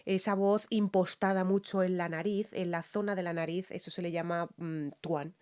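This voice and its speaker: A woman's voice: fairly low pitch, level tone, normal speed, a little mellow, clear, resonant tone. A woman with a Spain Spanish accent, a singer giving a casual, enthusiastic reaction and vocal analysis, repeating herself as she talks. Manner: enthusiastic, repeats words, demonstrates by singing. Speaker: singer reacting to a live performance.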